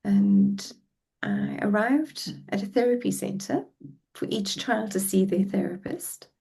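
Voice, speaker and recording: A middle-aged South African woman, a relationship coach appearing as a podcast guest, reflects warmly on her life story. Her voice is medium in pitch, gravelly, mellow and husky, and she speaks at a measured pace.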